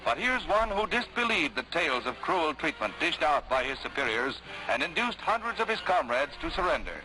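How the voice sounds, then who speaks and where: A man's voice: a little high, sing-song, low-quality recording. Man narrating an old wartime newsreel. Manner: brisk, dramatic announcer delivery. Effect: old newsreel soundtrack. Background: music.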